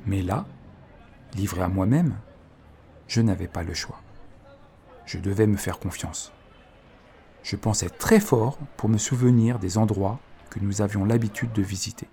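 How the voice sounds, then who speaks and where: A man narrating a storybook in first person, reading softly and expressively. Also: lowish voice, a little slow, gravelly, long pauses, a little hiss or hum. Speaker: audiobook narrator.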